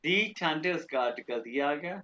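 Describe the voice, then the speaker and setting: A man teaching German vocabulary in an online lesson, repeating each word slowly and often checking that students follow. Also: on the high side, animated, sharp tone, lo-fi sound.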